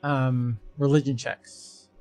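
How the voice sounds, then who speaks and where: A man running a tabletop game as game master, talking haltingly with many fillers. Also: medium pitch, flat delivery, dark tone, faint music behind. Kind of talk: describing a creature in a tabletop game.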